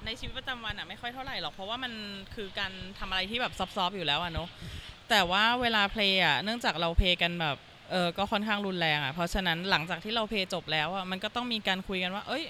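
A woman's voice: mid-range voice, fast talker, bright, forceful tone, slight background noise. A woman guest telling her experiences in a chatty, rambling way, full of fillers. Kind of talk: casual conversation.

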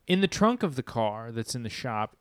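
A young adult man hosts a casual podcast into a handheld mic with a pop filter, rambling with restarts, swearing casually, and addressing listeners. His voice is mid-range, sing-song, and smooth at a normal speed, in clean studio sound with no echo.

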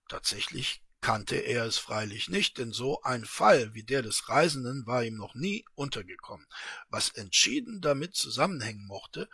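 Male story reader, husky, slow, lively intonation, dry close sound. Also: mid-range voice, dry recording. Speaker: reader and channel host. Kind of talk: reading a short story aloud.

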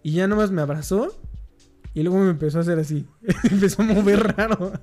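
A man's voice: high voice, a little fast, mellow, faint music behind. A young man with a Mexican Spanish accent, telling stories in slangy casual chat as a podcast host. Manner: slangy, storytelling, lots of filler words.

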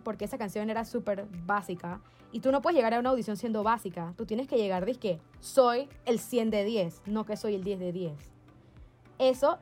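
A young woman from Panama telling stories in a casual chat, animated and laughing, acting out what others said. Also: a little high. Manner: animated storyteller, acts out quoted voices, laughs often.

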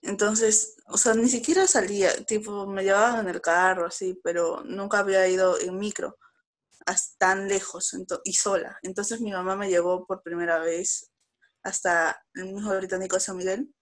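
A young woman with a Peruvian Spanish accent tells a story to friends in relaxed chat. She speaks at a medium pitch, talks in quick animated bursts and drops into her own quoted lines. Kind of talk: casual chat.

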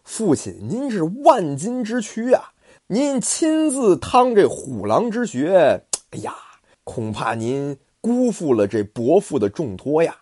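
A man's voice: fairly high pitch, sing-song, slow pace, warm tone, no room sound, clean studio sound, voice pushed up, full character voice. A man voicing a worried young son pleading with his general father in a told classic tale.

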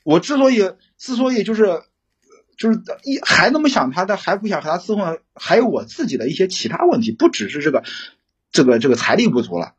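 Halting young man, husky muffled voice. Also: high voice, sing-song. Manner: rambling, halting, many restarts. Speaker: caller seeking relationship advice. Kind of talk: casual phone-in storytelling.

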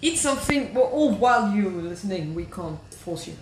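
A woman co-hosting a casual podcast chat from her kitchen, talking in quick restarts and laughing as she goes. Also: medium pitch, lively intonation, a little hiss or hum. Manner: chatty, restarts often, laughs while talking. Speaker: podcast co-host. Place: home kitchen. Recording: echoey kitchen.

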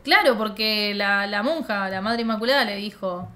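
A woman's voice: mid-range voice, normal speed, bright, forceful tone. A young woman with an Argentine accent, co-hosting a casual podcast and recapping scenes in a chatty, slangy way. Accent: Argentine Spanish. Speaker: podcast co-host. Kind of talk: casual reaction podcast chat.

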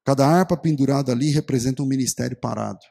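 A man's voice: mid-range voice, quick pace, gravelly, mellow. A man with a Brazilian Portuguese accent preaching a sermon, telling stories with quoted voices and building to emphatic lists. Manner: storytelling with acted quotes, rising to emphatic lists. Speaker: pastor.

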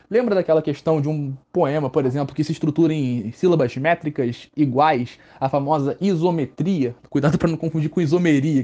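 A man's voice: fairly high pitch, warm tone, muffled recording. A man with a Brazilian accent, teaching a podcast lesson in a casual, conversational way and answering his own questions. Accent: Brazilian Portuguese.

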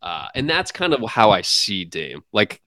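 Lower-voiced man in casual podcast chat. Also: sing-song, bright, forceful tone. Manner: measured, teasing, halting restarts. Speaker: podcast co-host.

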